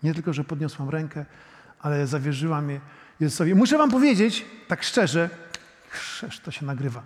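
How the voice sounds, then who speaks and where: A middle-aged man preaching a sermon, shifting between soft, intimate prayer and loud, emphatic preaching, talking straight to the congregation. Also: fairly high pitch, expressive, normal speed. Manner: addresses the congregation directly, often saying "you know". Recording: long hall reverb.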